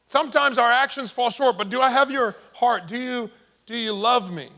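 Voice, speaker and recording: A man's voice: extremely high pitch, normal speed, pushed and bright. A male pastor preaching a sermon in a conversational way, with casual asides and repeated words. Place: church service.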